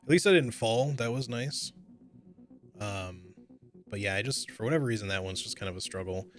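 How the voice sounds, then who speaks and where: A man's voice: on the low side, lively intonation, moderate pace, faint music behind. A man giving casual, rambling, hedging commentary as he streams a video game.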